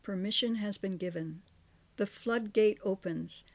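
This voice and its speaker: Older female author-narrator, memoir audiobook, measured and expressive, middle pitch. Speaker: author reading her memoir.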